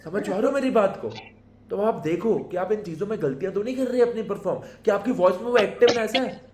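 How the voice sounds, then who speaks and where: A young man giving a sales training talk, coaching his listeners and swinging between soft asides and emphatic pushes, mixing in English phrases. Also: sits high, animated, a little fast, slight background noise. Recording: echoey room with faint ambience.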